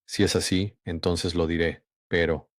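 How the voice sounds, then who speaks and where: A man hosting a religious channel, speaking in an unhurried, measured monologue with frequent hums and pauses, then reading a story aloud. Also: sits low, flat delivery, dry recording, studio quality.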